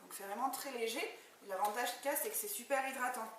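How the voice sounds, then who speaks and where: A woman's voice: fairly high pitch, fast. A woman chatting enthusiastically while unboxing makeup, speaking casually with many fillers, filmed indoors from a distance on the camera mic. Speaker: beauty vlogger. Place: indoor room, far from the camera. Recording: echoey room, distant mic, background noise.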